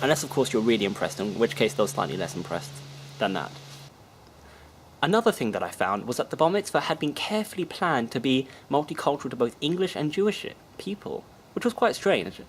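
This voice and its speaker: A man's voice: medium pitch, brisk, slight background noise, poor audio. A man hosting a casual video journal, telling funny stories and acting out bits of dialogue. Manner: animated, acts out dialogue in voices. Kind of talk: casual storytelling vlog.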